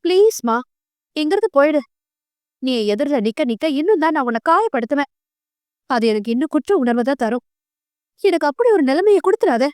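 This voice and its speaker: A bitter young bride, her voice pitched up high and tight as she pushes away her family, as a woman narrator puts her on. The storybook scene is close and dry, with no room around it, and her delivery is quick and strained, close to tears. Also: expressive, darkish tone, no echo. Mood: pleading. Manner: pleading then angry, breaking voice.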